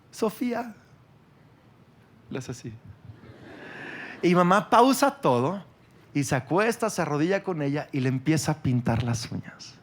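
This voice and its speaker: A middle-aged man preaching a sermon, swinging from loud emphasis to hushed tenderness. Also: a little high. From Mexico. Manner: emphatic, rises loud then drops soft. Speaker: pastor.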